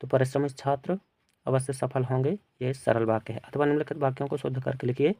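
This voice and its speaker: A male teacher working through an exam paper, reading each question aloud and then giving its answer in a plain, steady way. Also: medium pitch, fast, no room sound. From India.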